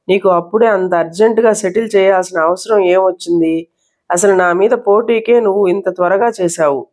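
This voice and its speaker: A woman's voice: medium pitch, darkish tone, lightly acted. A woman reading as a jealous young man. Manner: resentful, accusing.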